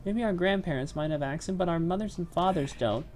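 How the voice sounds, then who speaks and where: A woman's voice: lowish voice, fairly quick, a little mellow, a little hiss or hum, close to an everyday voice. A woman reading aloud as a chatty young hostess from Hokkaido in a video game, in a plain, conversational delivery.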